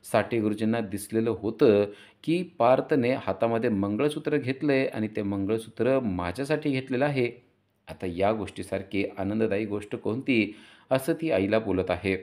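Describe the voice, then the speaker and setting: Low-voiced man recapping a serial. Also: normal speed. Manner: steady storytelling, voicing all characters. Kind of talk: episode recap narration.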